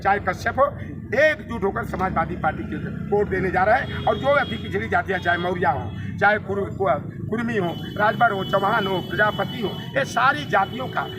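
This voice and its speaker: High male voice, emphatic political campaigner, long lists in one breath, repetitive phrasing, noisy street recording. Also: normal speed, far from the mic. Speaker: political party campaigner, former journalist. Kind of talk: impassioned street political interview. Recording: noisy outdoor spot with traffic.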